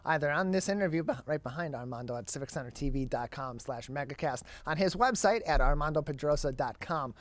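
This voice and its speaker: Speaking brisk and lively with hardly any pauses, a young American talk show host runs an interview and plugs upcoming events. His fairly high voice is picked up close by a boom-mounted broadcast mic in an indoor studio.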